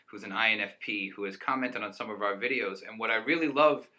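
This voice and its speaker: Young adult male co-host, enthusiastic rambler, very bright tone. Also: fairly low pitch, brisk. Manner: rambling, enthusiastic, laughs often. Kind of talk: casual chat.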